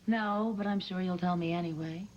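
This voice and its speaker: An actress playing a sharp-tongued young bride held captive in a 1990 TV soap, indignant and sarcastic, on dull lo-fi TV audio with faint hiss. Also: female voice, on the low side, steady tone, normal speed, natural voice. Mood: furious.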